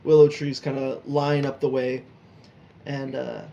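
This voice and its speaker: A man's voice: mid-range voice, flat delivery, unhurried, gravelly, dark tone. A man narrating a tabletop horror game as game master, loose and joking with many fillers.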